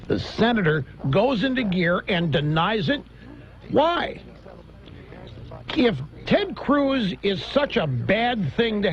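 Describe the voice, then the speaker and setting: A man hosting a political talk radio show, delivering an animated, mocking monologue. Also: sits high. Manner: animated, mocking, mimics others in exaggerated voices. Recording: dull lo-fi radio broadcast.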